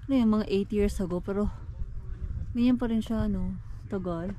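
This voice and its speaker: A woman's voice: medium pitch, normal speed, warm tone, a little hiss or hum. A woman with a Filipino accent chatting playfully as a travel vlogger at an outdoor flower farm. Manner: chatty, playful, giggly asides. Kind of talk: casual travel vlog chat.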